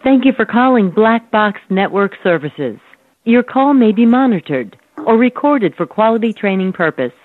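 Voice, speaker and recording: A woman's voice: mid-range voice, sing-song, moderate pace, no echo. A woman's recorded phone message, reading polite, scripted prompts for a phone menu. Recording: tinny phone line, dry.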